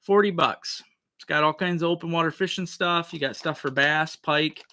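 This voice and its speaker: A man's voice: on the high side, normal speed, bright, forceful tone. A man hosting a casual livestream auction, repeating the current bid in a folksy auctioneer's manner.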